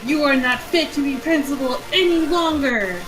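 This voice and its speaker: A woman reading the lines of an accusing male wizard in a comedic read-aloud, flat and matter-of-fact. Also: sits high, moderate pace, over music, lightly acted, low-quality recording.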